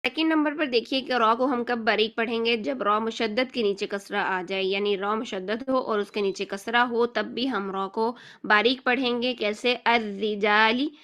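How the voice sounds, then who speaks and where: Bright-voiced woman teaching recitation. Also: a little high. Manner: explains step by step, often checking in with listeners. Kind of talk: online tajweed lecture.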